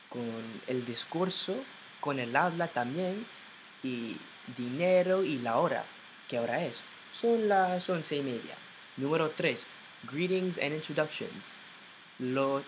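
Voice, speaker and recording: A young American man talks casually to his laptop's mic at home in Spanish, his native English underneath. His voice sits at an ordinary middle pitch, and he hesitates constantly, cutting off words and starting them over. A faint hiss runs under the recording. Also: low-quality recording. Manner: hesitant, stumbling restarts and self-corrections. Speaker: vlogger. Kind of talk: casual learner's vlog in Spanish.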